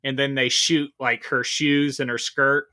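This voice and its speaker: A man co-hosting a podcast in casual chat, eager and quick to laugh. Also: medium pitch, flat delivery, bright, forceful tone. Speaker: podcast co-host.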